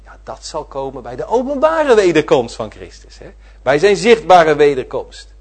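Husky preacher with lively pitch. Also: male voice, normal speed. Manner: emphatic, repeating phrases with swelling and dropping volume. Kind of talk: sermon.

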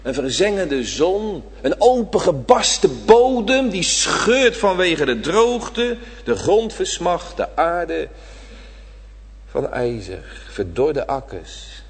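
A man preaching a sermon to his congregation, swinging between loud emphatic lines and hushed ones. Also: a little high, very animated, slow, husky. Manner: addresses the congregation directly. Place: church. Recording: reverberant church hall.

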